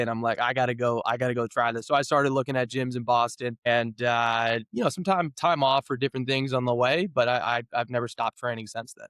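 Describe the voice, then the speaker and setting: A thirty-year-old man from New England tells his story in a smooth, resonant voice. He talks relaxed and loose, with many fillers and false starts. The recording is close and dry. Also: medium pitch, no echo. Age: 30s. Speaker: guest, physical therapist. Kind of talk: casual interview talk.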